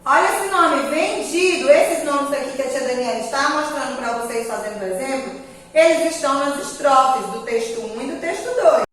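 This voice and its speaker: A woman's voice: high-pitched, lively intonation, a little fast, fairly bright tone. A woman with a Brazilian Portuguese accent teaching a grammar lesson to young children, stretching her words out in a sing-song way. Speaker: primary school teacher. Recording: echoey room, voice from a distance.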